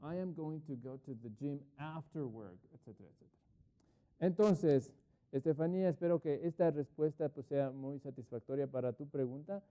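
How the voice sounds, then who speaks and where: A middle-aged man teaching English grammar in Spanish in an online class, patiently explaining and asking rhetorical questions, slowing down to spell out English example sentences. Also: fairly high pitch, dark tone. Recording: phone-like thin audio.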